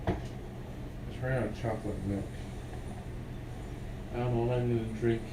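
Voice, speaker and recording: A young man's casual stream chatter comes through at medium pitch, fairly even in intonation and measured in pace, his voice congested and sniffly as he plays. He rambles offhand and talks to himself in a room at home, recorded with a distant mic amid echo and background noise.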